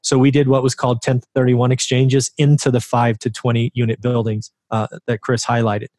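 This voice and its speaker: A man's voice: medium pitch, little pitch movement, a little fast, darkish tone, dry recording, clean studio sound. A man in his forties, a guest on an interview show, telling his story conversationally and often tossing in a rhetorical "right?". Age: 40s. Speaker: interview guest, real estate investor.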